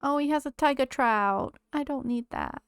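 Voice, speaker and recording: A woman with a high voice chats casually with her viewers while streaming a game, even though she's losing her voice. Speaking at a moderate pace, she greets viewers and talks to the game characters, and the clean studio sound has no echo.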